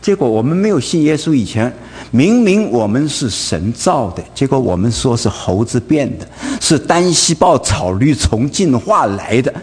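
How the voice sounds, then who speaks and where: A man's voice: medium pitch, lively intonation, moderate pace, darkish tone, breathy edge. A man with a Wu-delivering a sermon, firing off rhetorical questions tagged with "right?" and stammering over repeated fillers. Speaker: preacher. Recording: long hall reverb.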